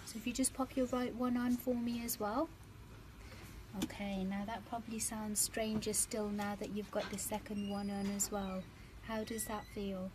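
A woman audiologist, calmly and patiently explaining a hearing device fitting. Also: mid-range voice, normal speed, heavy background noise. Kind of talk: clinical fitting session. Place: clinic room.

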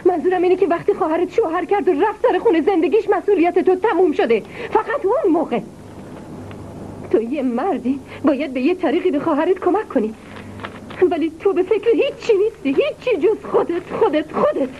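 A woman's voice: high-pitched, expressive, hardly any pauses. A woman dubbing an anxious, domineering mother in an old film drama. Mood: scolding. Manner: pleading, then nagging. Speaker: dubbing actress. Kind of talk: dubbed 1950s film drama. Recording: dull old dub, faint hiss.

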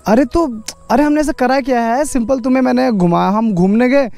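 High-voiced young man vlogging outdoors. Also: a little fast, vocal fry, a little mellow. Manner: playful, teasing, addresses viewers constantly. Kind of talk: casual vlog chat. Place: outdoors on a motorbike and in the street.

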